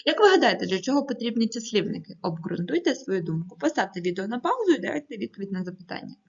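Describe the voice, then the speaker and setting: A woman teaching primary school children in a recorded video lesson, speaking clearly and patiently and giving careful stress to each number as she reads aloud. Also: medium pitch, sing-song, fast talker, highs cut off.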